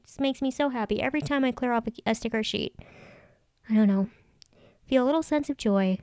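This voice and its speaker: Chatty lady doing a casual craft vlog voiceover, kinda high clear voice, thinks out loud. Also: a little fast, dry recording, clean studio sound. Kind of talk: casual planner tutorial narration.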